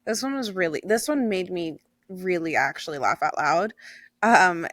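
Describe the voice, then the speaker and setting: A woman's voice: lowish voice, expressive, normal speed, fairly bright tone, no room sound, clean studio sound. A young woman co-hosting a casual podcast chat, talkative and emphatic, laughing easily. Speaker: podcast co-host.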